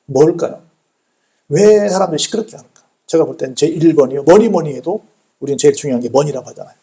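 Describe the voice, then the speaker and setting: Gravelly-voiced man preaching a sermon. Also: fairly high pitch, animated, fast talker, dark tone. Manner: asks rhetorical questions and answers them himself; repeats phrases for emphasis. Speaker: pastor. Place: church sanctuary.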